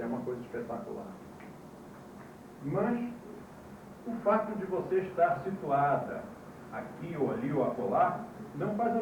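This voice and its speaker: Man lecturing on an old VHS tape. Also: a little high. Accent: Brazilian Portuguese. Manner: explanatory, spells out terms slowly. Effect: old VHS tape recording. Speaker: yoga teacher. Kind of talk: classroom lecture. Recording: hissy old VHS tape, echoey room, far mic.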